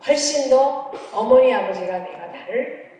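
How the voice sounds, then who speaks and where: A middle-aged woman professor giving a lively lecture, telling funny stories and acting out dialogues. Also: a little high, measured pace. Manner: animated, humorous storytelling that acts out dialogues. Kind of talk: lively lecture with acted anecdotes. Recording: echoey hall from far off.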